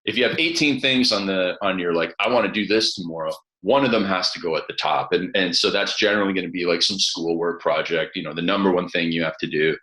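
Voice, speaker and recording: Low male voice, forceful edge, conversational coach, explains by example, echoey room. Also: quick pace, hardly any pauses. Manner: explains step by step with acted-out examples. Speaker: coach and author, guest. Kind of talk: conversational advice. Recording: roomy, echoing voice.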